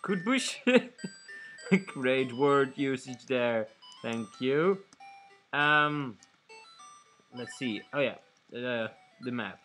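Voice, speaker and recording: A man narrating his game playthrough at an unhurried, drawn-out pace. He rambles, restarts his sentences and corrects himself. Soft background music plays faintly. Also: medium pitch, steady tone. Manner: rambling, self-correcting, giggly asides. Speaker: let's play commentator. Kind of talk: casual game commentary.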